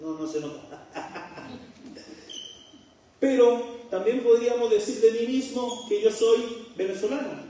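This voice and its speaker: A middle-aged Chilean man with a Chilean accent and an extremely high, mellow voice preaches a sermon in a church hall, speaking slowly with frequent pauses. He puts rhetorical questions to his congregation and adds joking asides, and the room is very echoey with the mic far away.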